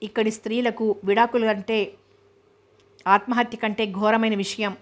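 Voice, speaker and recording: Grave, firm husband in a storybook reading, read by a woman, flat delivery. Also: fairly high pitch, lightly acted. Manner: calm, measured, firm. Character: grave, steady Indian husband, a man. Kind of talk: audiobook novel reading.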